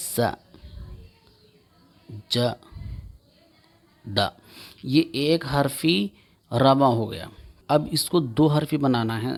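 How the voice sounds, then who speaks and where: Male reading teacher, gravelly voice, slow repetitive letter drills. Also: mid-range voice, darkish tone. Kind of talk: spelling lesson, drilling Arabic letters.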